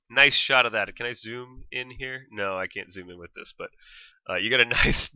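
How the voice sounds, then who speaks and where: A man giving casual explanatory video commentary on his own fencing footage, halting and thinking aloud step by step. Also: on the low side, pushed and bright, no room sound. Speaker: fencer reviewing own sparring footage. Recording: slightly dull, lo-fi, dry sound.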